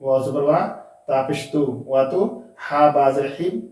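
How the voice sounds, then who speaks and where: Slow, echoey male recitation teacher. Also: medium pitch, fairly even intonation, a little mellow. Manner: spells each letter and vowel, then blends and repeats the word. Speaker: Quran reading teacher. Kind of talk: slow spelled-out recitation lesson. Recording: echoey room, voice from a distance.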